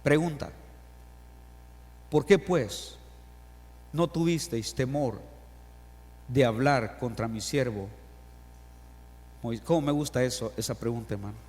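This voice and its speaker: A man's voice: mid-range voice, unhurried, pauses often, a little mellow. A middle-aged man preaching a sermon to his congregation. He acts out Bible quotes and stories and asks the listeners questions. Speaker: pastor. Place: church sanctuary. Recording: long church hall reverb.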